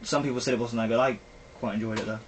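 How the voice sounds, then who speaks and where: A young British vlogger rambles casually about films, his speech full of fillers. His medium-pitched voice stays steady in tone while he races along. The recording is poor quality, with faint background noise.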